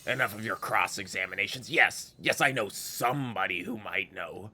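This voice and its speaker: A man voicing a bitter, scornful old exiled fiend for a game, with a gravelly, ghoulish voice and theatrical, villainous delivery that savors its words. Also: fairly low pitch, normal speed, bright, forceful tone, a little hiss or hum. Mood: grudging, irritated. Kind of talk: dramatic video game character read-aloud.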